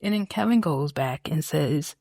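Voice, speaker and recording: American podcast host, casual recap chat, mid pitch, dry close sound. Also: lively intonation, a little slow, gravelly, mellow, dry recording. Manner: chatty and opinionated, with many fillers and restarts.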